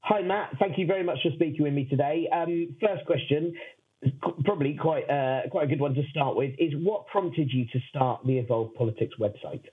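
A man's voice: on the high side, moderate pace, slightly rough, faint music behind. A man interviewing as a podcast host, stumbling a little over his questions, muffled because his headphones were used as the microphone. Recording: muffled, recorded through headphones used as mic.

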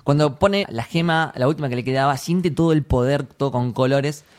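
A co-host with an Argentine Spanish accent, recounting film scenes in an excitable, exclamatory casual chat. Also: medium pitch, fairly quick. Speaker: podcast co-host.

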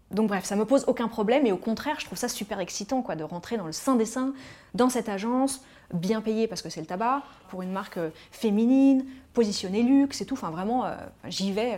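A tobacco cessation specialist from Paris, France, in her 30s, frankly relates her life story on a storytelling podcast, filling it with fillers. Her mid-range voice is mellow, with lively intonation and a brisk pace.

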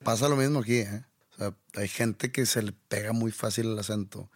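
Gravelly northern Mexican man, laid-back. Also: on the low side, moderate pace, dry recording, studio quality. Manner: laid-back, playful, mimics accents. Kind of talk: casual chat.

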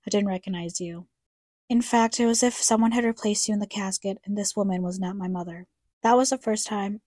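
Young woman narrator for a grief podcast: mellow, dry close voice, reflective and somber. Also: medium pitch, dry recording. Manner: somber, reflective, addressing her late mother. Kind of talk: scripted personal narration.

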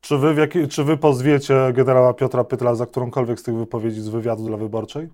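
A man's voice: medium pitch, flat delivery, quick pace, warm tone. A man hosting a political interview, putting questions persistently. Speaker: interview host, journalist.

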